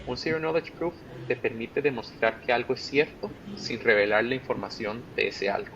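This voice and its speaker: Man, Costa Rican accent, patient step-by-step explainer, muffled video-call sound, faint rumble. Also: normal speed. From Costa Rica. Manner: explains step by step with plain examples. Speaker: guest, project manager.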